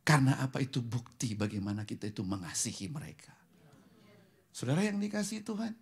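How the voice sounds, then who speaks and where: A male pastor preaching a sermon in a church, mixing in English words and swinging between hushed whispers and loud exclamations. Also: medium pitch, sing-song, brisk, vocal fry, breathy edge.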